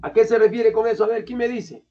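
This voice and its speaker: Quick-paced and mellow, a high-voiced man from Peru teaches a language class, lecturing in a colloquial style while constantly quizzing his students. The classroom recording is dull and lo-fi.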